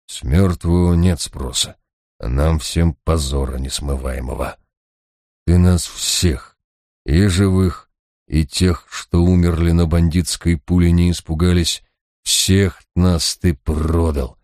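A man voicing a grim senior detective who speaks quietly, slowly and bitterly. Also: low-pitched, steady tone, dry recording, clean studio sound.

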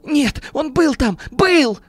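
Audiobook role: a man playing a panicked middle-aged businessman, shrill and wailing, very high voice, dry close sound. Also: expressive, slow pace, no echo, exaggerated voice. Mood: hysterical shrieking.

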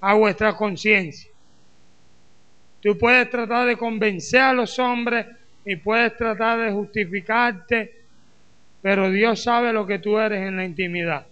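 Colombian coastal male pastor, high bright voice, lively sermon delivery, dull lo-fi recording. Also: a little slow, smooth. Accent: Colombian Caribbean coast Spanish. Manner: lively preaching, acts out his congregation's voices, asks "¿aló?".

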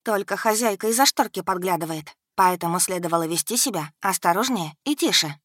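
A woman narrating a first-person audiobook in an expressive, steady storytelling manner. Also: lowish voice, a little fast, no echo, clean studio sound.

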